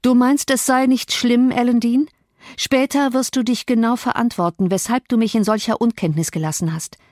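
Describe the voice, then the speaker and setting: A woman's voice: fairly high pitch, animated, measured pace, darkish tone, dry recording, studio quality, voice pushed up. A woman voicing a stern, bewildered middle-aged husband who speaks reproachfully.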